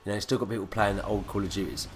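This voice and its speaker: Stuffed up from a cold, a man commentates on gameplay, ranting and cursing at a very fast clip. His voice is lowish and steady in tone, with faint background music behind him.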